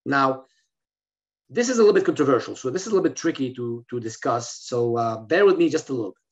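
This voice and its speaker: Speaking fast with lively intonation in a mid-range voice, a middle-aged Lebanese man gives a recorded medical lecture as a physician. He explains steadily, though with fillers and restarts, from an indoor room in front of a plain wall. The sound comes through a webcam on a video call and is slightly dull and lo-fi.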